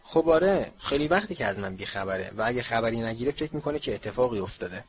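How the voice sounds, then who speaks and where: A man's voice: mid-range voice, animated, muffled recording, lightly acted. Harry Potter, a man voicing a cheeky teenage wizard. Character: defiant teenage boy wizard, quick and cheeky.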